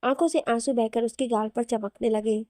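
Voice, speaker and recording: A woman narrating a scripted audio story with an expressive, dramatic reading. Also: a little high, normal speed, no echo, studio quality.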